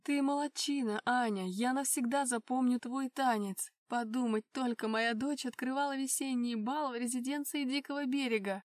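A woman voicing a loving middle-aged father speaking softly and tenderly on the phone. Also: high-pitched, fairly even intonation, normal speed, few pauses, no echo, close to an everyday voice. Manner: soft, tender, hushed.

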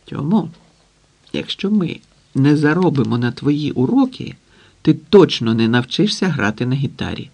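A man's voice: mid-range voice, animated, normal speed, a little mellow. Strict, sarcastic mum of a big brood, read by a man: curt orders, dry jokes. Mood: stern. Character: stern, dry-witted mother of many children.

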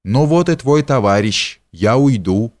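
A man's voice: medium pitch, expressive, a little slow, darkish tone, dry recording, clean studio sound, close to an everyday voice. A man reading the part of a brave, friendly young warrior in an audiobook, in a cheerful tone.

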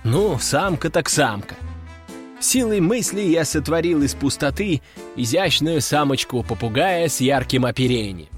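A man narrating a first-person audiobook story in a wry, measured way. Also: fairly high pitch, expressive. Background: faint music.

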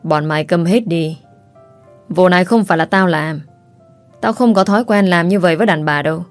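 A woman's voice: fairly low pitch, brisk, no room sound, faint music behind, natural voice. A woman voicing an arrogant young playboy who talks curtly and dismissively, in a storybook reading.

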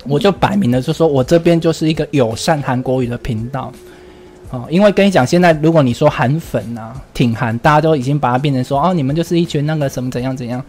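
A man's voice: medium pitch, fast talker, darkish tone, faint music behind. A man with a Taiwanese Mandarin accent hosting a casual livestream chat, blunt and ranting, swearing freely while answering viewers' comments. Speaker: livestream host.

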